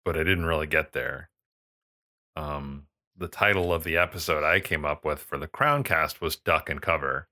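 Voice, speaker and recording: A man's voice: very deep voice, moderate pace, pushed and bright. A man co-hosting a podcast, chatting casually and reflectively about a TV episode. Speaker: podcast co-host. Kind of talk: casual chat reviewing a TV episode.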